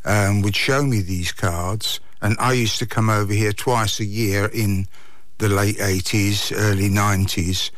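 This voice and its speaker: A man's voice: fairly low pitch, steady tone, a little slow, a bit bright, no echo. A man with an English accent, middle-aged or older, explaining and recounting conversationally as an interview guest. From England.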